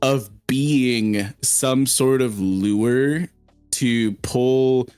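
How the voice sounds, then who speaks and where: A man teases his co-hosts in a casual podcast, wordy and halting as he strings long arguments together. His voice sits at a middle pitch and sounds dry and close to the mic. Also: darkish tone, clear, resonant tone, dry recording, soft background music. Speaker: podcast co-host. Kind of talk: casual chat, mock debating.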